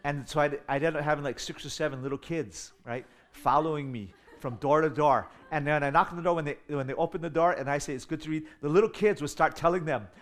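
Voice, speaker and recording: Middle-aged pastor, slightly high voice, animated story-driven sermon. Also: male voice, fast talker, hardly any pauses. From United States. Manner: animated storytelling with humor, rising in volume for emphasis.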